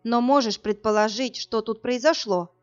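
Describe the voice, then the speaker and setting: A woman's voice: fairly high pitch, normal speed, clean tone, highs cut off, voice pushed up, close to an everyday voice. A woman voicing a young witch girl who speaks in a snappy, teasing way. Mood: eager, snappy. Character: young witch girl, sharp-tongued, excitable.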